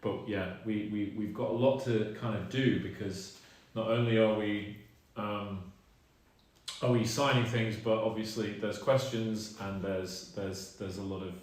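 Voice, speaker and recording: A man's voice: on the low side, fairly even intonation, measured pace. Give me a chatty man streaming live in a big hall echo. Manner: chatty, reads out and thanks viewers. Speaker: streamer co-host. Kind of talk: casual live stream chat. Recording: very echoey room.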